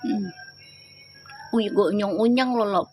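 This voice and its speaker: A woman's voice: medium pitch, measured pace, darkish tone, soft background music. A woman reading tarot on a livestream, chatting in slang and teasing her viewers. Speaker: tarot reader.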